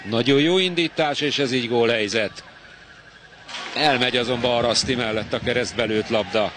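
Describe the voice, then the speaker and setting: Male football commentator, excitable live match delivery, medium pitch, audible stadium background noise. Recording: clear stadium noise behind.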